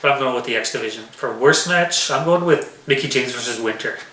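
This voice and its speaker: A man's voice: mid-range voice, brisk, pushed and bright. A man co-hosting a casual wrestling prediction chat, announcing each match and giving his picks. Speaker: podcast co-host. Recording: echoey room.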